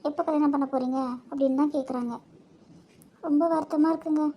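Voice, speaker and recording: A woman's voice: high-pitched, fairly even intonation, quick pace, mellow, close to an everyday voice. A female performer playing the worried wife of a poor family in an amateur family skit, speaking anxiously and complainingly. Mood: distressed.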